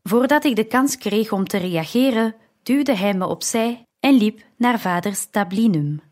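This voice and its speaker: Woman narrating an audiobook, slow and measured, mid-pitched voice. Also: animated, a little mellow. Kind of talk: scripted narration.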